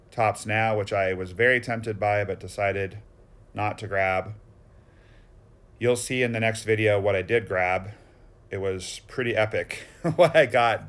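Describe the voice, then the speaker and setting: A man with a Boston accent narrating a vlog tour in voice-over, gushing and exclamatory as he rattles off one item after another. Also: fairly low pitch. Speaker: vlogger touring a card shop.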